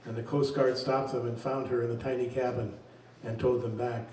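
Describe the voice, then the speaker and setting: A man's voice: medium pitch, flat delivery, a little mellow, a little hiss or hum. Man reading poems in an echoey room. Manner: slow, measured reading voice. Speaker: poet reading his work. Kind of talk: poetry reading. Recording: very echoey room, distant mic.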